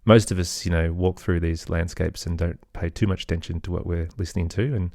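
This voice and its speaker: Speaking a little fast in a low, steady, slightly mellow voice, this middle-aged musician and storyteller answers interview questions reflectively and loosely, hedging with "sort of" and "kind of." The studio-quality recording has no room sound.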